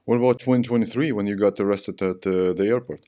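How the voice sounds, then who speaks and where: A man interviewing a guest, cutting in with short, quick follow-up questions. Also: on the low side, mellow.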